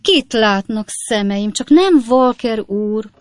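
A man voicing a sly, sniveling male servant who gushes in a high, drawn-out voice. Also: expressive, no echo, clean studio sound. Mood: gushing.

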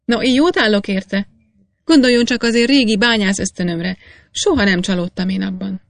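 A woman reading aloud, voicing a boastful, excitable old male master miner in a storybook. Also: mid-range voice, vocal fry, no echo, close to an everyday voice. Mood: eager. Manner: boastful, insistent.

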